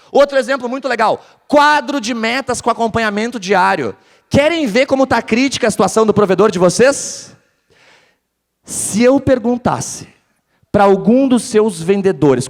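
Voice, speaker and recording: A man from Porto Alegre with a southern Brazilian accent, giving a live business talk to an audience and keeping them engaged by quizzing them. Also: high voice. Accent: southern Brazilian (gaúcho). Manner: energetic, keeps quizzing the audience. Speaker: conference speaker. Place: large hall with a live audience. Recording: reverberant hall sound.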